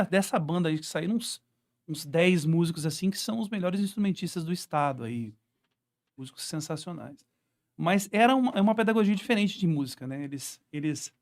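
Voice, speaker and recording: Appearing as a musician guest in a relaxed interview, a man with a Brazilian accent, a singer-songwriter, shares stories and keeps checking in with short tags. His voice is a little high with a darkish tone.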